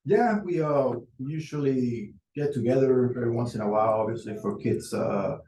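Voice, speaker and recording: A Venezuelan man in his forties speaks with a warm, medium-pitched voice at normal speed, chatting casually as a client on a sales video call. He's hesitant and uses lots of fillers. The recording is rough and has a roomy sound.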